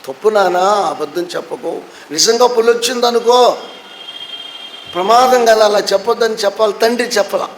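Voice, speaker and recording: A man's voice: high voice, moderate pace, slight background noise, low-quality recording. A man in his sixties, a pastor, preaching a sermon that he tells as a story and acts out with voiced quotes. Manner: animated storytelling with acted quotes. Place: church hall.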